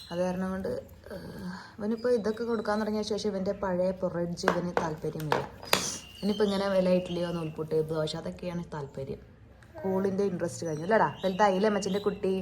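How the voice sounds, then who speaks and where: A woman's voice: lowish voice, steady tone, fast. A mother narrating a casual home vlog, chatting and teasing her baby son in playful baby talk. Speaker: mother vlogging her baby's day. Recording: home video with clear background noise.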